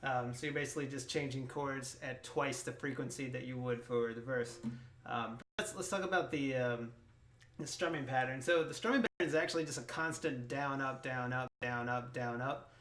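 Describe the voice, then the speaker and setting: A man giving a casual guitar lesson in a relaxed way, with frequent ums and restarts. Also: mid-range voice, normal speed. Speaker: guitar teacher. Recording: roomy sound with loud guitar. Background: his own guitar playing.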